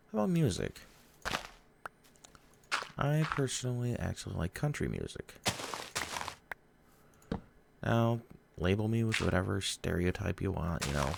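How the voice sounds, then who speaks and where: A man's voice: deep voice, vocal fry. A man chatting in a rambling, hesitant way while playing a game, often stumbling over his words. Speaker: gaming vlogger. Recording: noisy home recording.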